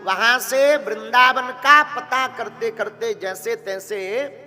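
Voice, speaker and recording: A high-pitched man with a very bright, sharp voice delivers a devotional story as a sermon. He talks slowly and dramatically, with florid devotional phrasing. His voice rings through a reverberant hall with faint instrumental music behind it. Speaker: religious storyteller.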